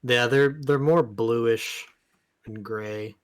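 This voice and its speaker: A man's voice: medium pitch, fairly even intonation, extremely slow, clean tone. A man riffing and rambling casually about a fantasy world on a live stream, swearing freely. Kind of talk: casual chat.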